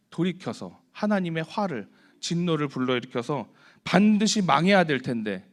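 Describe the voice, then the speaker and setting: A man giving a conversational Bible sermon, asking his listeners questions and acting out quoted prayers. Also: mid-range voice. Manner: asks the listeners rhetorical questions; acts out quoted prayers and complaints. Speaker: preacher.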